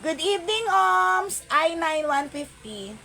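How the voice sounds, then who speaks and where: A woman's voice: very high voice, expressive, slow, bright, forceful tone, a little hiss or hum. A woman hosting an online live-selling stream, chatting with viewers by name and calling out item codes and prices, slipping English words into her talk.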